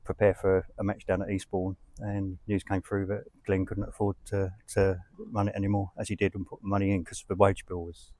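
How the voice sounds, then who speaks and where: A man's voice: low-pitched, completely flat delivery, brisk, few pauses, darkish tone. A man giving a casual guided tour and answering questions in a hesitant, understated way. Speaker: football club representative, tour guide.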